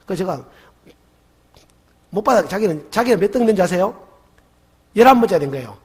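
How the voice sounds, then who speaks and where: Husky high-voiced Gyeongsang pastor preaching. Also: male voice, a little fast. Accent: Gyeongsang dialect. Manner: animated storytelling with questions to the congregation. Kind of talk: Sunday sermon. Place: church sanctuary.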